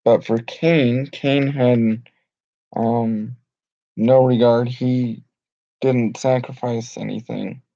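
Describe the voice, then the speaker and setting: A man reading and explaining Bible verses in an informal, halting way with many fillers and restarts. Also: medium pitch, fairly even intonation, gravelly, mellow, dry recording. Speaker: Bible study teacher. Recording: dull lo-fi home recording.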